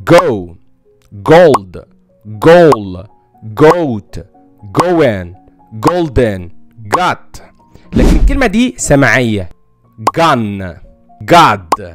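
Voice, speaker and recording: A man's voice: fairly high pitch, fairly bright tone. A man with an Egyptian Arabic accent teaching an English phonics lesson and reading example words one at a time.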